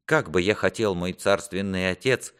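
A man with a deep, smooth, fairly bright voice, at normal speed, plays a repentant young prince. In a pleading mood, the son earnestly implores his father for mercy.

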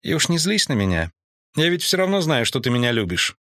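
A man's voice: medium pitch, big pitch swings, brisk, bright, forceful tone, no echo, studio quality, voice pushed up. A man voicing a glib, cheeky young male bard in an audiobook, with a light, flippant delivery. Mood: playful.

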